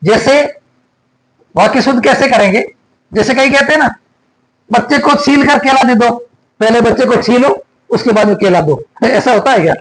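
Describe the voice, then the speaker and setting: A man teaching an exam-prep grammar lesson, slowly repeating and dictating words for students to write. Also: very high-pitched, rough recording.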